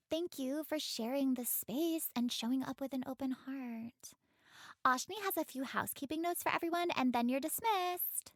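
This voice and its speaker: A woman playing a creaky, high-voiced director. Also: no echo, clean studio sound, heavily acted. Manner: soft-spoken, earnest and affirming. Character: airy female theatre director, gentle facilitator. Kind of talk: comedic audio drama.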